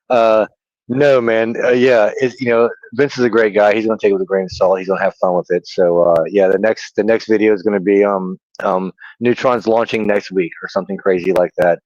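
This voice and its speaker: A man with a low, darkish voice co-hosts a casual livestream chat, rambling with many fillers, a slight lisp and the occasional stutter. The audio is dry and dull lo-fi, with no echo.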